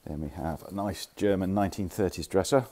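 A furniture dealer talks a little fast in a deep, dark voice as he casually shows pieces around his warehouse. The walkthrough of his stock is chatty and informal, with the odd self-correction, and it's filmed on a handheld phone camera.

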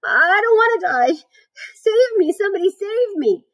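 A woman's voice: very high voice, sing-song, measured pace, a bit bright, pitched above the performer's own voice, full character voice. A woman voicing a frightened, naive young male pig in a storybook, wailing and pleading hysterically. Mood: screaming terror.

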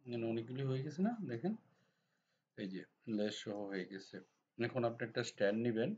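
A hoarse man with a cold walks through a design software tutorial step by step, often checking that the viewer is following. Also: mid-range voice, brisk. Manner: step-by-step instructions with frequent checks like "ঠিক আছে?". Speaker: computer design instructor. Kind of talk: screen-recorded software tutorial. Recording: dull lo-fi recording with faint noise.

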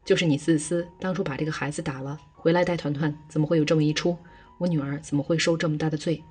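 一个女人为一位强势自私的婆婆配音，语气平直，像照本宣读。. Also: female voice, low voice, steady tone, fast, a little mellow, breathy edge, faint music behind. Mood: harsh. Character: stern older mother-in-law, self-serving and blunt.

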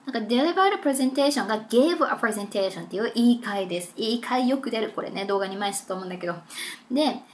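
A young woman tutoring for a test in a casual, chatty lesson, reading passages slowly. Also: fairly high pitch, animated, a little hiss or hum. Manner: chatty, mixes Japanese and slowly read English.

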